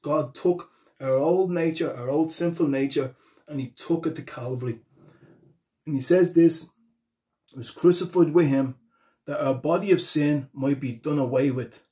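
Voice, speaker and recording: Earnest male preacher with a dark voice. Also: a little high. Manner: earnest, repeats verse references. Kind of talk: sermon with scripture reading.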